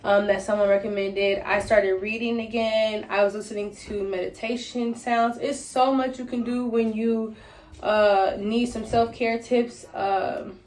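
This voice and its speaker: A young American woman chatting casually and candidly about personal matters, loose and a little tipsy, answering questions as host. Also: a little high. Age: young adult. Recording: echoey room, faint background noise.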